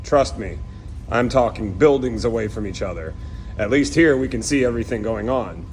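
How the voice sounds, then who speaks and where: A man's voice: fairly low pitch, expressive, moderate pace, a little mellow, a little hiss or hum. A man working as an irrigation technician outdoors, casually explaining each repair step in a plain, practical way as he works. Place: outdoors at a job site.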